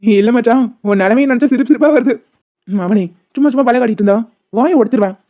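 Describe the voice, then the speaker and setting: Animated story: man voicing a rowdy college guy, quick-talking, tinny phone-like sound. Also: very high-pitched, no echo. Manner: shouting, rough, teasing. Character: loud, rough young college guy, teasing.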